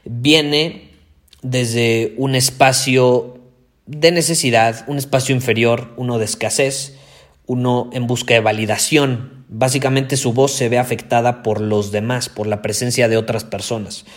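A man with a Mexican accent hosting a podcast, talking loudly and intensely and repeating his key points for emphasis. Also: medium pitch, fairly even intonation, a little slow. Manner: loud, intense delivery. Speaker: podcast host. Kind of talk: motivational podcast monologue.

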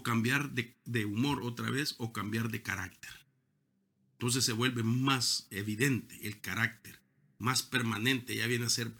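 Bright, forceful male preacher. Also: mid-range voice, breathy edge. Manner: emphatic preaching, stretching key words, repeats himself. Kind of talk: sermon.

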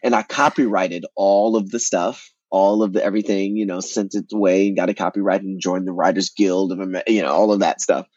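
A man, an actor and playwright, telling his story as an interview guest in an animated way, often repeating words and restarting. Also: low voice, brisk, hardly any pauses, dry recording, dull audio.

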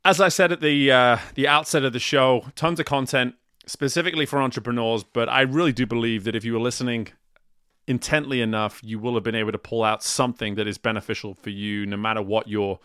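A man's voice: medium pitch, steady tone, fairly quick, fairly bright tone, clean tone, no room sound, clean studio sound. A man hosting a podcast, summing up an interview in an earnest, upbeat way and often repeating words as he thinks. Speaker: podcast host. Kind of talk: podcast wrap-up talk.

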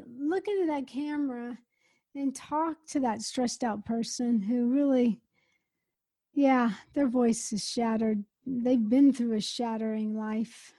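Woman interview host, high voice, eager and chatty, cuts in often. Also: slow pace, mellow. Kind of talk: casual interview.

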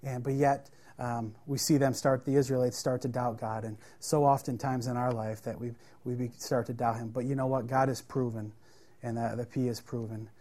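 A male preacher giving a sermon in a plain, conversational voice. He reads the scripture passages aloud, then explains them with lots of pauses, fillers and restarts. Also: medium pitch, little pitch movement, mellow. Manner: plain-spoken, halting, many fillers and restarts.

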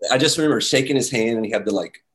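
A man at an ordinary pitch telling a story in relaxed, casual talk. He is animated and acts out what people said, with lots of fillers along the way. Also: racing.

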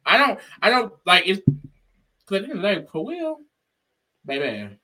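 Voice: medium pitch, huge pitch swings, normal speed, bright, forceful tone, a little hiss or hum. A podcast co-host in casual recap chat, with sassy, slangy banter.

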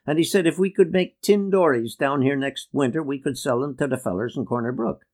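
Brief: male reader playing earnest Scottish woman reformer, prim and insistent, raised pitch. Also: brisk, darkish tone, lightly acted.

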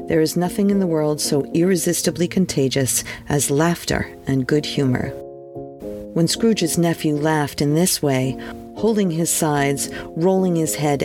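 A podcast host reading a classic holiday story aloud, measured and expressive with wry asides. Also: mid-range voice. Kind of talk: storybook narration.

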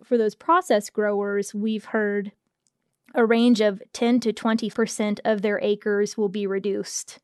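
A woman's voice: medium pitch, little pitch movement, measured pace, darkish tone, smooth, no echo, clean studio sound. An American woman reporting farm news in a plain, matter-of-fact way. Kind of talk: casual podcast interview.

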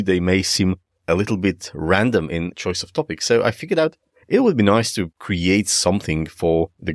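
A man's voice: low-pitched, dry recording, studio quality. A man with a Polish accent hosting a podcast solo, enthusiastic and informal as he speaks directly to listeners. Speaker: podcast host. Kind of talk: solo podcast presenting, semi-scripted.

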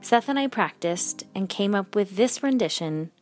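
A woman podcast host reading a personal story aloud in a measured, expressive storytelling way. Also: mid-range voice, loud music behind the voice.

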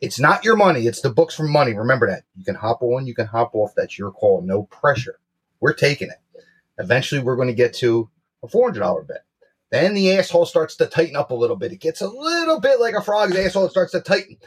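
A man co-hosting a sports betting show, pitching picks in brash, slangy, sweary bro talk. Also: expressive, brisk, husky.

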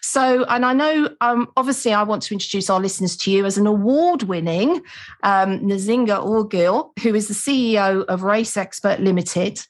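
A woman hosts a podcast interview at a mid-range pitch. She is encouraging and fills the gaps with short affirmations and the odd um. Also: normal speed. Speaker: podcast host. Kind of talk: interview hosting.

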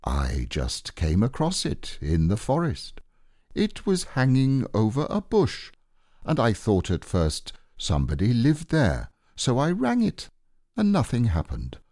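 A man's voice: medium pitch, huge pitch swings, measured pace, a little mellow, dry recording, clean studio sound, voice pushed up, heavily acted. A man voicing a self-important, long-winded storybook owl with a pompous, explanatory way of talking. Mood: chatty, proud. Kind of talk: storybook character reading.

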